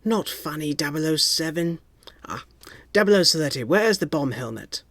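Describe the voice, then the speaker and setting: A man's voice: fairly high pitch, animated, moderate pace, a bit bright, no echo, pitched above the performer's own voice. A man voicing a fussy, cranky male gadget inventor who scolds huffily. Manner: grumpy, huffy.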